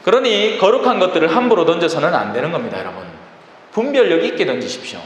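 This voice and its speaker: Lively priest lecturing in an echoey hall. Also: male voice, sits high, highs cut off. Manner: lively and conversational, addresses listeners directly; acts out everyday people in quick voices. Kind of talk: Bible lecture in a sermon manner. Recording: roomy reverberant hall with faint ambient noise.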